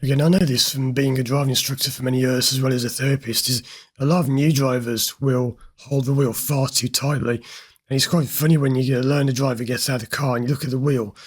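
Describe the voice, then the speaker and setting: Speaking quickly and flatly, a male host who is a therapist analyses a recorded session for his viewers, explaining what he picks up in a client's words with directness and mild amusement. His voice is husky, of ordinary middle pitch, and slightly hoarse after recording many videos.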